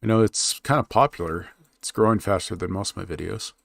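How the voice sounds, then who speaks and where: A man live-streaming while he draws a fantasy map, thinking aloud and chatting with his viewers in a relaxed, rambling way. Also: low-pitched, a little fast, gravelly, no echo. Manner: thinks aloud, muttering while he works, then perks up to talk to chat. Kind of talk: casual live-stream chat while working.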